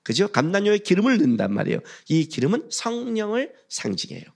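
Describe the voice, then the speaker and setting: Male pastor, sermon delivery in a church; higher voice with lively swings in pitch, quizzes the congregation, acts out prayers. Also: fast, gravelly. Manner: animated, asks the congregation questions; drops to a near whisper for prayer lines. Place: church sanctuary.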